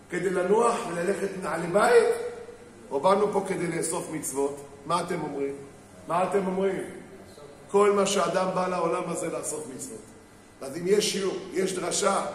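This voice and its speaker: A man giving a rabbi's sermon on marriage to a live audience, telling stories, acting out the people in them and putting questions to the crowd. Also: high-pitched. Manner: storytelling, acts out quoted people, asks the crowd questions. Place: synagogue hall with an audience. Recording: very echoey hall, faint background noise.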